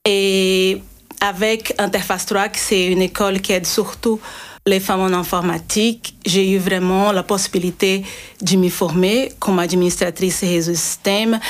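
A middle-aged woman from Brazil speaks with a Brazilian Portuguese accent as a guest on a radio interview. Her voice sits at an ordinary middle pitch. She explains things earnestly and often breaks off to restart a sentence. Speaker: guest, cybersecurity consultant.

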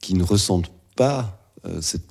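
A man's voice: low-pitched, a little slow, vocal fry, a little mellow, slightly rough. A man interviewing a young guest, probing and rephrasing his answers back to him. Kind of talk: interview questions.

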